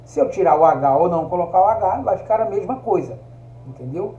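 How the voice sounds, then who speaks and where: Man, high voice, mellow tone, teaching a video lesson, keeps checking in with listeners, echoey room, dull lo-fi sound. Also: animated, a little fast. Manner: explanatory, often checks in with "tá?".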